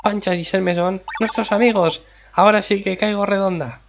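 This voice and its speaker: A man voicing a timid but brave young female creature hero in a video game, in a fretful, high voice. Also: steady tone, normal speed, muffled recording, background noise. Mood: defiant. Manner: squeaky and fretful.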